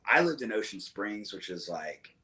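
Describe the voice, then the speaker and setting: A young man from the American South with a very low voice talks as a guest in a relaxed interview. He rambles fondly, stopping and restarting with plenty of fillers. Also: normal speed. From Southern United States. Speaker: musician guest. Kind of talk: casual interview chat.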